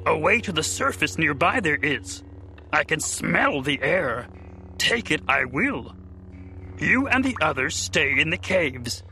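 A man reading an audiobook voices an ancient, small, wise alien master who speaks with inverted word order in a croaky voice. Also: on the high side, big pitch swings, slow pace, pushed and bright, slight background noise, voice pushed up, full character voice, low-quality recording. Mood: grave.

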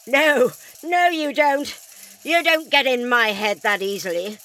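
A woman's voice: fairly low pitch, lively intonation, measured pace, a bit bright, a little hiss or hum. A woman reading the part of a grim, urgent male doctor in a storybook. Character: grim, brisk male doctor, older and knowing.

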